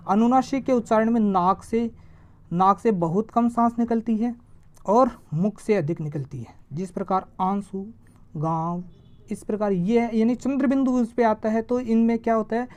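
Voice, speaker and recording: A woman teaching an exam-prep grammar lesson. She asks a question and answers it herself, and she draws vowel sounds out slowly to show them. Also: medium pitch, warm tone. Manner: stretches vowels slowly when demonstrating sounds.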